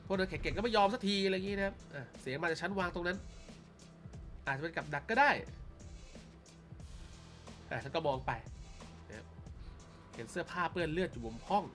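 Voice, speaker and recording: A high, bright-toned man from Thailand talks through a mobile game in a relaxed, chatty way. He keeps padding his sentences with polite fillers as he reads the story out. Faint game music runs underneath. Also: a little fast, pauses often. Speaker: game YouTuber and commentator. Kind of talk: casual gameplay commentary and story reading.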